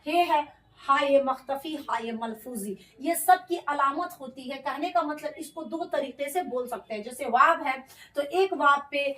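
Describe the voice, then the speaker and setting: Female tutor, high register, patient and repetitive explainer; recorded off-mic in an echoey room. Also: unhurried, a bit bright, distant mic. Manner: explains patiently, repeats terms, asks and answers her own questions. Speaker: Urdu grammar teacher. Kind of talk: classroom-style grammar lesson.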